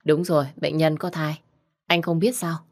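A woman voicing a calm, matter-of-fact doctor explaining a diagnosis, in a storybook reading. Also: low voice, normal speed. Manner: plain, explaining.

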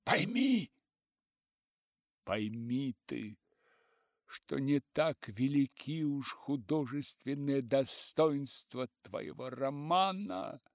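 A man voicing a self-righteous older male writer who lectures and shouts, loud and insistent, dragging his words out. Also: mid-range voice, very animated, no room sound, studio quality, full character voice. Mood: indignant shouting. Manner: loud, preachy, slow and insistent.

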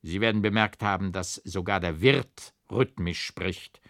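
A man with a low voice reads an old literary tale, shaping each sentence with careful stress and rhythm. The sound is close and dry, with no room around it. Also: a little slow, no echo. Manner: expressive, rhythmic storytelling. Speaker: audiobook reader. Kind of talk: literary audiobook reading.

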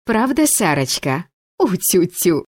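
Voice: medium pitch, expressive, unhurried, no room sound, studio quality, lightly acted. A woman voicing a doting middle-aged lady who gushes and coos over her cat, in a storybook reading. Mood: cooing. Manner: cooing, gushing.

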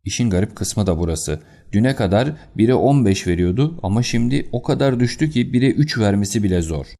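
In an audiobook, a man with a fairly low voice reads the part of an anxious, quick-tempered colonel, delivering it in an agitated, excitable way.

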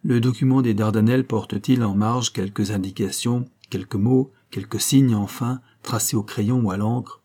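A man voicing a calm, methodical male police detective in an audiobook, with a measured, explanatory delivery. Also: on the low side, husky. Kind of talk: audiobook character reading.

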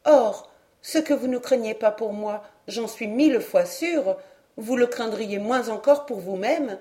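A woman's voice: fairly high pitch, measured pace, dark tone, close to an everyday voice. A woman voicing an eager, determined young woman who speaks in a pleading, enthusiastic, persuasive way in an audiobook.

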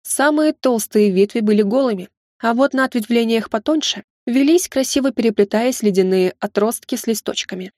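Woman reading a fantasy audiobook, wry and lively, kinda high voice, dry close sound. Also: fairly quick, no echo. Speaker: audiobook narrator. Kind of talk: scripted first-person novel narration.

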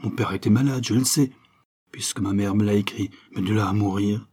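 Guy putting on a sharp proud young sister, talks back curt and cutting, kinda husky. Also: fairly low pitch, steady tone, a little fast. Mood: haughty, sharp. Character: young woman, haughty and sharp-tongued sister.

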